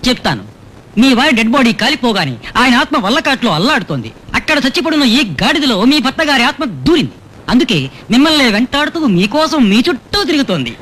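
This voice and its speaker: Sneaky wisecracking conman, fast talker, lively up and down. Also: very high-pitched, heavily acted. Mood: scheming. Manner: wisecracking, sly teasing. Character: sly scheming conman, cheeky and mocking. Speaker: trickster posing as spirit expert. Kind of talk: comic film scene acting.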